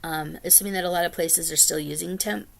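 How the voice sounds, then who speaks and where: A woman's voice: fairly low pitch, fairly even intonation, brisk, vocal fry. A woman in her forties chatting casually to her vlog viewers, rambling with lots of ums and sounding tired. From United States. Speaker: flosstube vlogger. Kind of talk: casual chat to camera.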